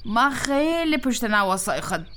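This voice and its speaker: Older Afghan Dari mother-in-law, blunt and scolding, lively swinging pitch, as an actress plays her. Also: noisy background. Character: sharp-tongued older mother-in-law, disapproving.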